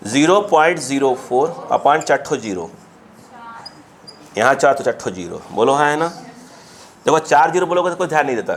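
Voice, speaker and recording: A physics teacher lecturing a class, slowly dictating questions and then explaining in a quick, chatty way. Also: male voice, mid-range voice, slight background noise.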